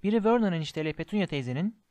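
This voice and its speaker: A man narrating a story in a measured, expressive reading. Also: high voice, dry recording. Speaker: audiobook narrator.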